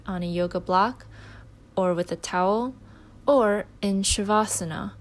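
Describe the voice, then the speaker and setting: In a mid-range voice, a woman leads a guided meditation, offering gentle instructions in short phrases separated by pauses.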